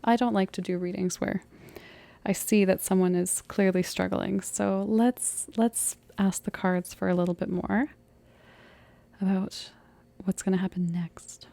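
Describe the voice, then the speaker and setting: A woman doing a whispered role-play as an ASMR tarot reader, soft and comforting, slipping between a low voice and an unvoiced whisper, her voice tired and cracking. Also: steady tone, measured pace, gravelly.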